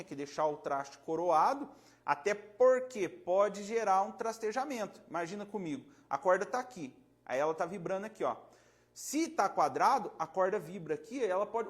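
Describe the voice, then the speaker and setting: Brazilian luthier explaining guitar frets. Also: male voice, sits high. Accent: Brazilian Portuguese. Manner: demonstrates with his hands, checks in often with "right?"; relaxed, rambling, self-correcting. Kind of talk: casual hands-on explanation.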